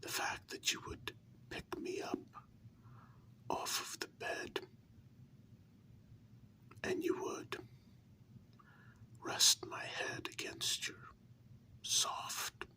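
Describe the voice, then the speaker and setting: A performer whispers as a vampire's tender, candid human lover in an ASMR role-play, intimate, halting and reassuring. Here the voice is pushed and bright and heavily acted, while the mood stays tender and reminiscent.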